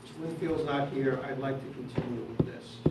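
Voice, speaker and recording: Firm judge in an echoey courtroom. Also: male voice, mid-range voice. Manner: brisk, procedural, firm. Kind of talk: courtroom proceedings. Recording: echoey courtroom from far off, noisy.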